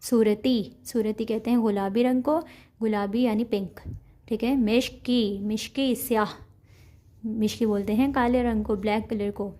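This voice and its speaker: A woman with an Urdu-speaking accent gives a language lesson, teaching vocabulary slowly and patiently and repeating each word. Her fairly high voice is mellow, warm, and steady in tone.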